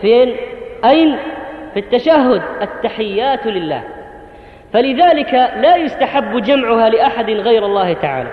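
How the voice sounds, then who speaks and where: Very high-voiced preacher in an echoing hall. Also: male voice, animated, normal speed. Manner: earnest, instructive, addresses the congregation directly. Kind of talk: Friday sermon. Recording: echoey hall, tinny phone-like sound.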